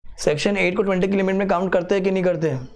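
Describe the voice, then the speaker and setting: A man's voice: high-pitched, steady tone, very fast. A man with an Indian English accent teaching a live online exam class in mixed Hindi and English, drilling each point by repeating key words over and over and teasing students. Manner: teasing, addresses students as "beta".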